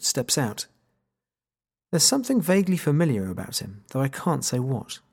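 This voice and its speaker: A man narrates a novel in the first person with a wry, sardonic edge. His voice is mid-pitched and gravelly, with a husky grain that stays under every line. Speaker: audiobook narrator.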